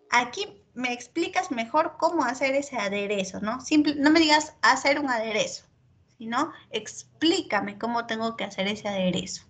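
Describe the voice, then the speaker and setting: A woman teacher, giving feedback in an online class and checking in constantly with her student between filler pauses. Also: fairly high pitch, a bit bright.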